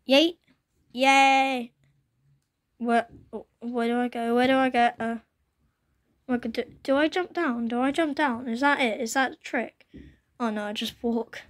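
A young gaming host narrates her game in a croaky voice on the high side, with fairly even intonation, a slightly slow pace and long pauses, chatting and exclaiming often. She's at home with rain outside, recording her laptop screen on a handheld phone.

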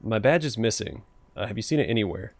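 A man's voice: fairly low pitch, lively intonation, quick pace, vocal fry, soft background music. A man reading video game dialogue and narration aloud in a casual, tentative manner. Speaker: let's player reading the game's dialogue aloud.

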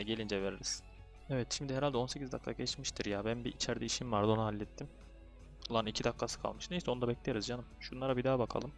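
A young man talks his way through an online game in a relaxed, chatty flow, fretting over luck and perking up quickly at good results. His voice sits at a middle pitch, neither deep nor high. Faint background music runs underneath. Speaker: gaming video creator. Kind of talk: casual gameplay commentary.

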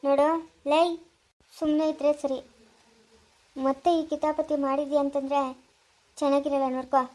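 A man's voice: very high-pitched, flat delivery, normal speed, a little mellow. A weeping old father, played by a man in a home-made village drama, pleads with his son through his tears. He sounds poor, worn out and heartbroken. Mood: tearful. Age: older. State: crying. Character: aging father, poor laborer, grieving over his son. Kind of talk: amateur village drama acting.

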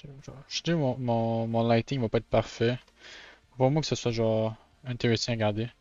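A man's voice: medium pitch, little pitch movement, moderate pace, a little mellow, no room sound, dull audio. A man with a Québécois French accent chatting casually on a live stream while drawing, often stammering and restarting, with English words mixed in.

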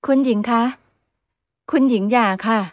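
A woman's voice: on the high side, fairly even intonation, normal speed, no room sound, studio quality, voice pushed up, lightly acted. A woman voicing a polite, timid young orphan woman. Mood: pleading. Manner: polite, meek.

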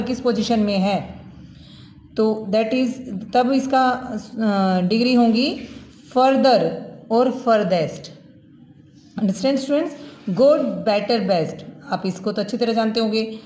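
A woman teaching English grammar to school students, explaining slowly and repeating example words, often asking if they understand. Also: fairly high pitch, a little mellow, slight background noise. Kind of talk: classroom lesson in Hindi-English mix. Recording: echoey room.

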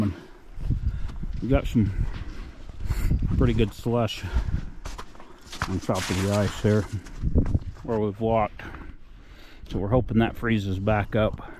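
Middle-aged man, casual vlog host, easygoing and folksy; lowish voice over steady background noise. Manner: laid-back, folksy updates. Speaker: outdoor vlogger. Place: frozen lake outdoors and inside an ice-fishing tent.

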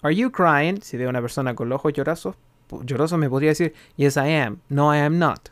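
A man giving a recorded English grammar lesson, explaining in Spanish and reading English examples slowly and carefully. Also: fairly high pitch, dry recording. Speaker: English teacher.

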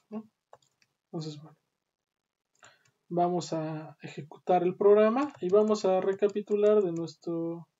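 A woman with a fairly low, warm voice teaches a programming class in a screen-recorded coding lesson, going step by step and often checking in with "¿sí?". The audio is dull and lo-fi, with clear background noise and keyboard typing.

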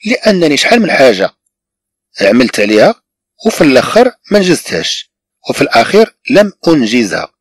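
A man with a Moroccan accent teaching a language lesson, patiently repeating phrases and breaking them down slowly. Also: mid-range voice, breathy edge, no echo. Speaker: French teacher.

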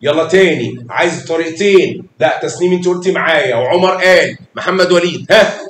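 A man's voice: brisk, a bit bright. A man with an Egyptian Arabic accent teaching a class of young children, patient and affectionate, coaxing them along with pet names. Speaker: math teacher. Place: echoey classroom. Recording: echoey classroom with faint rumble.

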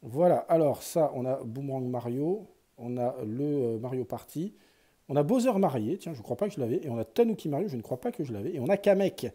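Husky, mellow-voiced man chatting casually. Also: medium pitch, animated, fairly quick. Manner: chatty, thinks aloud, lots of fillers and sighs. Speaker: YouTuber opening sticker packs. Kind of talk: casual running commentary.

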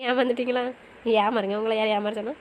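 Cast a woman as a pouty, fast-talking young wife for an audio romance series, faint hiss behind. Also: fairly high pitch, fairly even intonation, close to an everyday voice, poor audio. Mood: sulky, playful. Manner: fast, pouty back-talk. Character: young wife, quick-tongued and sulky-playful.

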